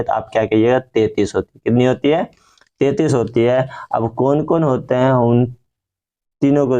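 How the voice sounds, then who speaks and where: A man with a mellow, dark voice at an ordinary pitch teaches a grammar class. He drills each point by asking questions and answering them himself. He stretches out example words in a slow chant. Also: lo-fi sound. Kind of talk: grammar lesson.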